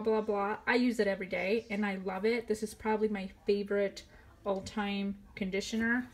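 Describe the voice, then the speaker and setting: A woman's voice: a little high, slight background noise. A woman in her thirties chatting casually in a shopping haul video, rambling with many fillers. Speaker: vlogger. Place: indoors at home, counter of products.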